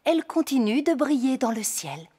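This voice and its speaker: A calm, patient fairy queen mother from a cartoon, her voice a little breathy and fairly high. She explains with a lively lilt over soft music. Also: moderate pace, exaggerated voice. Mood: explaining. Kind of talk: French cartoon dub.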